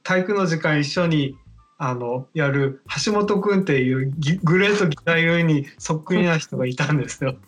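A man's voice: a little high, moderate pace, faint music behind. A man in his forties telling anecdotes in a casual podcast conversation. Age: 40s.

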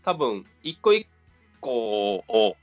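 A man co-hosting a casual comedy podcast, talking in a relaxed, reflective way. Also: mid-range voice, very slow, no room sound, faint music behind. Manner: relaxed, reflective, laughs along. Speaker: podcast co-host.

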